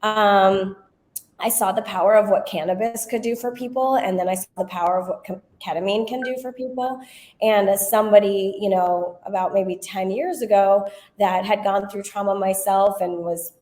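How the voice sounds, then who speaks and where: A woman's voice: mid-range voice, fairly even intonation, normal speed, a little mellow. A middle-aged woman speaking on a webinar panel over a video call, earnest and full of ums. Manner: earnest, filler-heavy. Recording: echoey room.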